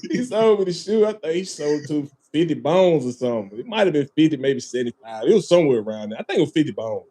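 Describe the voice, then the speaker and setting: A man's voice: a little high, sing-song, quick pace, dark tone. A man hosting a casual podcast, telling a long story with lots of swearing, laughter and "man" and "bro" thrown in. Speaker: podcast host.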